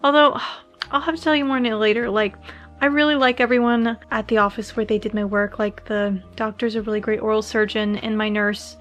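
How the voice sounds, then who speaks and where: A woman's voice: fairly high pitch, steady tone, fairly quick, fairly bright tone, faint music behind. A young woman chatting casually to her vlog, groggy and rambling, her mouth sore and swollen after oral surgery. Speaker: vlogger.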